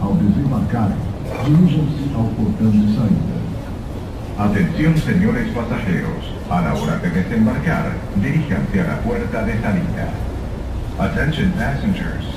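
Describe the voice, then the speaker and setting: A man making slow, formal terminal announcements over a PA system in a bus station. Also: fairly low pitch, lively intonation. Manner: slow, measured, formal delivery. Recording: echoey, distant, muffled loudspeaker audio with loud vehicle noise.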